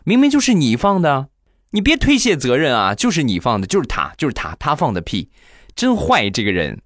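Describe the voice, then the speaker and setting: A man's voice: on the high side, wildly swooping pitch, a little fast, fairly bright tone, dry recording, pitched above the performer's own voice, exaggerated voice. A man voicing a sly young boyfriend who protests in a whiny, defensive way.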